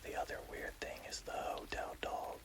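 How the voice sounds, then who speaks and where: A person telling a scary story in a hushed, slow, deliberate ASMR whisper.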